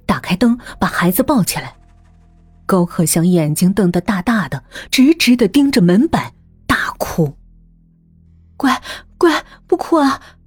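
A woman reading a suspense story aloud, measured and hushed, sometimes dropping almost to a whisper. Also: lowish voice, breathy edge, dry recording. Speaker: narrator. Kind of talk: scripted audiobook narration.

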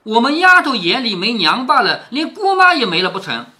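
A man's voice: extremely high pitch, sing-song, brisk, voice pushed up, exaggerated voice. A man voicing a bad-tempered servant mother who nags and scolds her daughter, in a read-aloud storybook. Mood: angry. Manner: loud nagging scolding.

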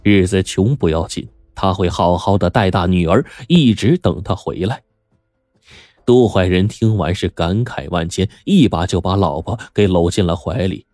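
Low-voiced male storyteller, lively telling. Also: no room sound, clean studio sound. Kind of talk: storytelling narration.

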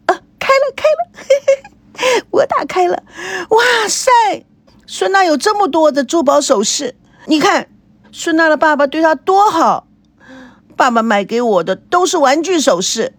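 A woman voicing an excitable, spoiled teenage girl who squeals. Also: moderate pace, no room sound. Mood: gleeful. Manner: shrill, squealing.

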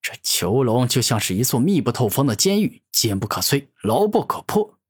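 A man's voice: mid-range voice, sing-song, normal speed, breathy edge. A man voicing an arrogant, furious male monster warlord who growls angry threats in a fantasy audio story. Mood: boastful.

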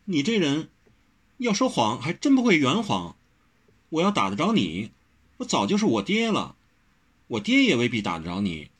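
A proud, quick-tempered young heroine from a martial-arts audiobook, voiced by a man. She teases with a lifted, lively voice that has a husky edge. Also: on the high side, pitched above the performer's own voice, full character voice. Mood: teasing. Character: spirited proud young woman, wuxia heroine.

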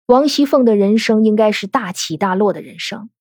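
A woman hosting a podcast, giving a scripted explanatory talk in a steady storytelling way, posing questions and then answering them. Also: mid-range voice, fairly quick, no room sound, studio quality. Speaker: podcast host.

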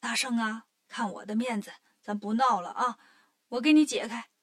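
A woman voicing an old male court official who plays peacemaker in a children's story, speaking softly and coaxingly. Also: a little high, fairly even intonation, normal speed, dry recording, clean studio sound, lightly acted.

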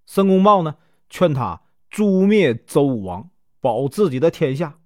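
A man's voice: fairly high pitch, big pitch swings, a little slow, dry recording, clean studio sound. A man retelling a classic legend as a storyteller, in a chatty folk style full of filler particles.

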